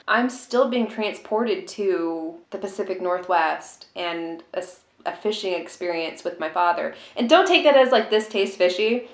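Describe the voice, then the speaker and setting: A woman talks casually to her viewers as a vlogger showing what she bought. Her voice sits at a middle pitch. She rambles and muses informally, feeling for her words, and the room around her sounds noticeably echoey. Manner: informal, rambling, hesitant musing. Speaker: tea vlogger. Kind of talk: casual unboxing chat.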